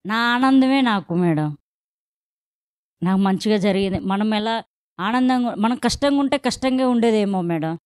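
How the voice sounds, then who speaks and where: A woman's voice: mid-range voice, lively intonation, normal speed, long pauses, a little mellow, clear, resonant tone, no room sound. Young woman telling her pregnancy story, keeps saying madam, dry close sound. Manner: addresses interviewer as madam constantly, earnest. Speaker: patient interviewee. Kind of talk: interview testimony.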